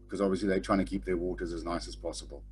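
With faint music in the background, a middle-aged sailing instructor lectures over a webcam call in a blunt, casual manner, repeatedly asking "okay?" He talks rapid-fire in a low voice with fairly even intonation.

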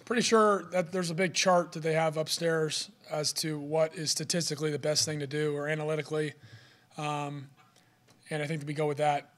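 At a postgame press conference, a young college quarterback fields reporters' questions from a podium mic in front of a sponsor backdrop. His fairly high voice moves at a steady, fast clip, packed with "you know."

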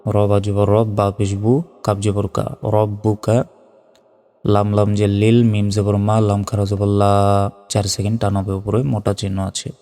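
A man teaching Quran reading, spelling out letters and vowel marks one by one and then chanting each word slowly. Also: fairly low pitch, completely flat delivery, warm tone, long reverb tail. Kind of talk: step-by-step recitation lesson.

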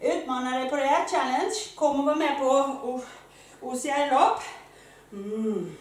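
A woman fitness coach who is out of breath, leading a workout with energetic, loud exclamations while she exercises. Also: high-pitched. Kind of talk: live workout instruction. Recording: very echoey room, mic far off, faint noise.

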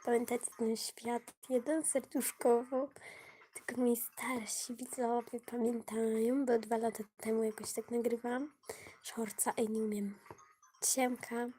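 A woman with a cold chats with her stream audience while she plays, her voice sitting a touch high. She talks slowly and keeps sinking into a breathy whisper. A faint hiss runs underneath. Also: little pitch movement, dark tone. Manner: often drops to a whisper while playing; chatty asides to viewers, easily flustered. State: voice affected by a cold. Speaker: gaming livestreamer. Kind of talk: casual live gaming stream.

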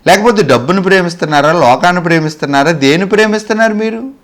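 A male preacher, preaching a sermon as animated storytelling, asking the congregation rhetorical questions and acting out the characters' dialogue. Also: high voice, racing. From Andhra Pradesh, India.

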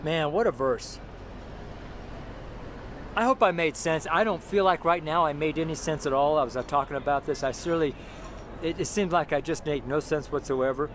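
Traffic rumbles behind a middle-aged street preacher as he addresses a close handheld camera on a city sidewalk next to a brick wall. His slightly high voice moves at normal speed through an informal, rambling sermon with repeated points, fillers, and restarts.

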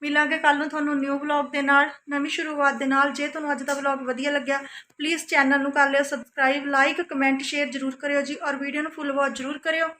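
In a casual home vlog, a family vlogger from Punjab in her thirties chats wearily about her day, tagging many sentences with "hanna," a questioning "right?". She speaks quickly in a high-pitched, level, bright and forceful voice, with slight background noise.

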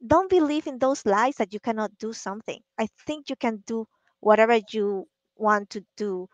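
A woman's voice: fairly high pitch, moderate pace, dry recording. A woman in her thirties from the Dominican Republic, a marketing consultant guest speaking earnestly and encouragingly over a headset mic on a video call from home. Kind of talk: casual interview talk. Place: room at home, indoors.

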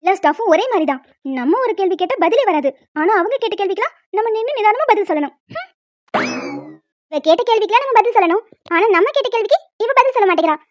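A woman voicing a chatty, nosy college staffer in a cartoon, gossipy and cheeky, lower than her other voices. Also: expressive, fast talker, dry recording. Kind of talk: cartoon voice dubbing. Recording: dull dry lo-fi sound.

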